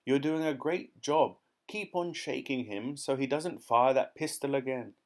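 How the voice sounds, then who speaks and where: A man voicing an excitable giraffe cheering on a pelican. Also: mid-range voice, normal speed, natural voice.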